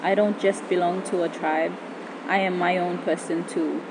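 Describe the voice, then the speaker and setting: A woman's voice: fairly low pitch, fairly even intonation, moderate pace, noisy background. A woman giving spoken-word poetry and personal reflection. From Papua New Guinea.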